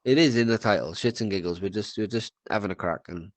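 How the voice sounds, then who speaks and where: A man with a cold speaks fast in a lowish voice on a dry recording. As a podcast co-host in loose conversation, he wanders off topic, swears, and keeps stumbling and repeating words.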